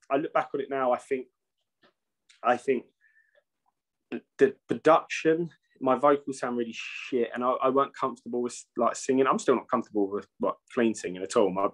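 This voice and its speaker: He speaks at a moderate pace with a mid-range voice: a metal band's singer and bassist, guesting over a webcam video call. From his home room with shelves, he rambles casually, peppering his talk with swearing and frequent restarts.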